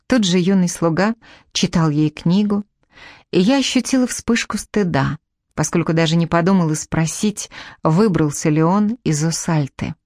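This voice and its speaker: A woman narrating a first-person audiobook in a measured, even way. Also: fairly low pitch, no echo, clean studio sound.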